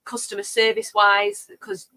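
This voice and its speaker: A woman's voice: fairly high pitch, big pitch swings, unhurried, gravelly, pushed and bright, no echo. A woman in casual panel conversation, speaking in an emphatic, encouraging way.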